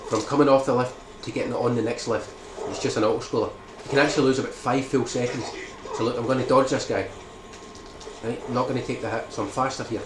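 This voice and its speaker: A man talking through a speedrun tutorial in a mid-range voice, explaining each step and checking in with "right?". The sound is roomy and echoey, with a steady hiss of noise underneath. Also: medium pitch, quick pace. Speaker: speedrun guide maker. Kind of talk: game tutorial commentary. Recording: echoey room with background noise.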